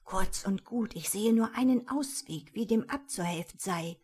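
A woman voicing a fussy old court marshal who speaks in a hushed, courtly way. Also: mid-range voice, lively intonation, normal speed, breathy edge. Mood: hushed, urgent.

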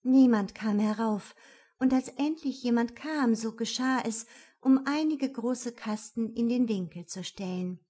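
A woman reading a fairy tale aloud in a measured, expressive way. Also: a little high. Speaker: storyteller.

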